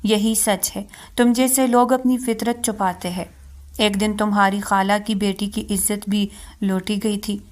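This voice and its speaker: A woman voicing a cruel, vengeful rich man in a storybook reading, with bitter, commanding lines read in an even tone. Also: mid-range voice, close to an everyday voice. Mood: harsh.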